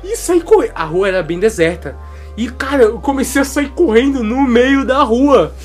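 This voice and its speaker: A man in casual chat, telling childhood school stories with animated energy and frequent laughter. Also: very high-pitched, moderate pace, faint music behind.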